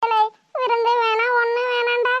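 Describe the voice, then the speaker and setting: A woman's voice: very high-pitched, monotone, moderate pace, no room sound, highs cut off. A woman voicing a heavy cartoon villager who can barely walk and keeps complaining. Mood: grumbling. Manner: moaning, complaining. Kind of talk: cartoon voice acting.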